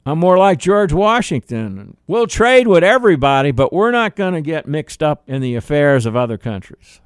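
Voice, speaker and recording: A man's voice: medium pitch, clean tone, no echo, clean studio sound. A middle-aged man from the United States hosting a political commentary monologue, emphatic and full of rhetorical questions. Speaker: radio talk show host.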